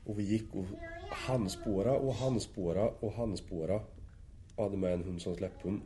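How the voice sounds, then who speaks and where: A man's voice: on the low side, mellow. A man casually telling a hunting story to friends in an easygoing way, chuckling between phrases. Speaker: hunter telling stories.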